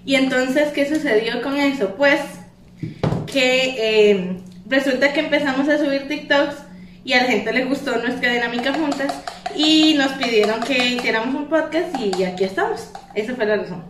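A young woman with a Costa Rican accent chatting as a podcast co-host, telling gossip in slangy, animated style. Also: sits high, normal speed, background noise. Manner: slangy, animated storytelling with giggles. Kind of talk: casual gossipy chat. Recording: roomy, echoey, distant from the mic.

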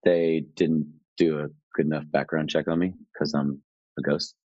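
A man's voice: rumbling low, flat delivery, moderate pace, darkish tone, no room sound, dull audio. A man being interviewed as a guest musician, telling a personal story in a laid-back, slangy, rambling way. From Hawaii.

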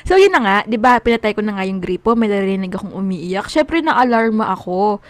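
A woman's voice: medium pitch, lively intonation, fairly quick, no echo. A young woman casually telling a story to friends, rambling with lots of fillers and swearing. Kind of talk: casual chat.

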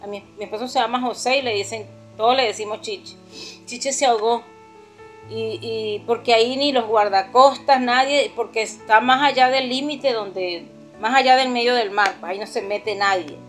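A woman's voice: fairly high pitch, normal speed, faint music behind. A middle-aged woman with a Venezuelan accent giving an earnest, heartfelt personal testimony in church. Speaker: pastor's mother-in-law giving a testimony.

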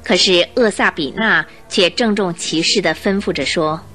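Narrating a radio drama, a woman with a fairly low, sharp voice speaks at a moderate pace over faint background music. Her scripted storytelling is suspenseful, and she poses questions expressively.

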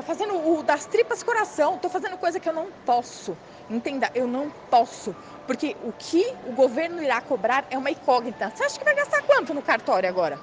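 Lively high-pitched Brazilian woman, emphatic. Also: a little hiss or hum. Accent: Brazilian Portuguese. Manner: emphatic and repetitive, addressing someone by name. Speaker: lawyer handling a family estate. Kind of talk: confrontational monologue.

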